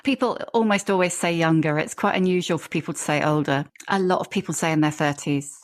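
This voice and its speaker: Host: middle-aged woman, lowish voice, easy conversational questions. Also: fairly quick. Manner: conversational, asks set questions. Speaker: podcast host. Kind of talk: interview questions.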